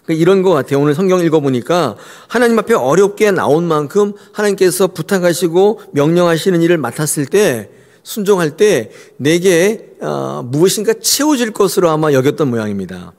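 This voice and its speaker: A man's voice: on the high side, animated, a little fast, darkish tone. A male pastor preaching a sermon expressively and addressing the congregation directly. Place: church. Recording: long church hall reverb.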